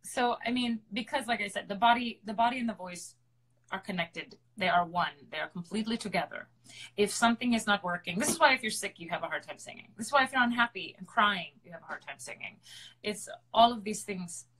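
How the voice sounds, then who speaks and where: A woman's voice: mid-range voice, fairly quick, a bit bright, rough recording. A woman opera singer, a guest in a live online interview, explaining things earnestly and repeating her points for emphasis.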